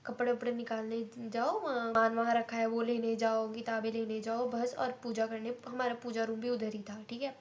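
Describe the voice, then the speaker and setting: A woman's voice: on the high side, level tone, moderate pace, hardly any pauses. Chatty young woman telling a story. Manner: chatty, repeats herself, many fillers. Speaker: vlogger. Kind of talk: casual storytelling.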